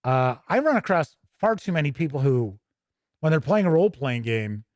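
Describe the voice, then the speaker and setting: A tabletop gaming show host goes through a rulebook at normal speed, casually musing and straying into asides. His slightly high, somewhat mellow voice is very animated, with no echo on the recording.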